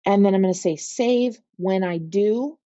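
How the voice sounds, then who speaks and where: A woman with a Pittsburgh accent teaching real estate agents, talking them step by step through commission software and checking in with "okay?" as she goes. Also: mid-range voice, a little slow, no room sound. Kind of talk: screen-share software walkthrough. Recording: slightly dull, lo-fi audio.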